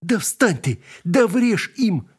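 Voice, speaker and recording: A man voicing a clever, cocky ginger tomcat who yells indignantly. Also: on the high side, normal speed, voice pushed up, lightly acted. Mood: frantic. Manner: yelling, indignant.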